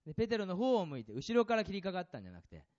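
A male pastor preaching to his congregation with a very animated, rising and falling voice, pitched a little high for a man. He asks the listeners questions and moves between loud and hushed passages. The sound is dull and lo-fi. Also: rapid-fire. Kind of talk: sermon.

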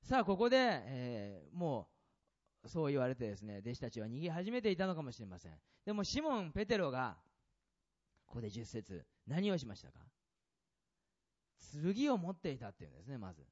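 A man preaching a sermon as a pastor, asking the congregation questions and swinging between loud and soft passages. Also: medium pitch, wildly swooping pitch, a little fast, dull audio.

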